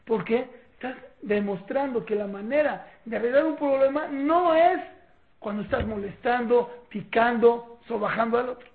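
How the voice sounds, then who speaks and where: A teacher with a Mexican accent and a mid-range voice with vocal fry gives a religious lecture on parenting. He livens it up by acting out family scenes and tossing in mocking rhetorical questions. The audio sounds tinny, like a phone line, with faint noise behind it.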